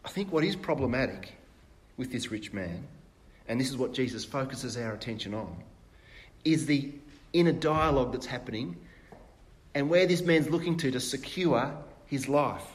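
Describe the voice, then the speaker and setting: Casting: male preacher, plain mid-pitched voice, relaxed talky sermon with rhetorical questions. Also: moderate pace, long pauses. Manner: conversational, rhetorical questions, frequent fillers and restarts.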